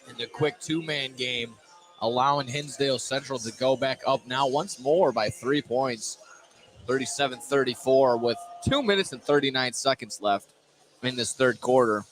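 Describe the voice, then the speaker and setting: A man calls a basketball game live on radio in short, clipped phrases, his mid-range voice moving at a normal speed. He's in an indoor gymnasium, and the noisy gym ambience and bouncing basketballs come through, with faint music behind him.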